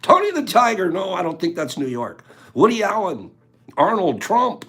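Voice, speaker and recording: A man hosts a casual livestream, talking straight to chat and running giveaways in a playful, teasing way. His voice is high and fairly bright, with huge pitch swings, at a moderate pace.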